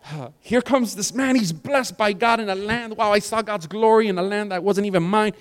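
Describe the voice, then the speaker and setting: A man in his forties preaching a sermon in a conversational style, rising to emphatic peaks. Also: sits high. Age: 40s. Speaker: pastor. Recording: long hall reverb.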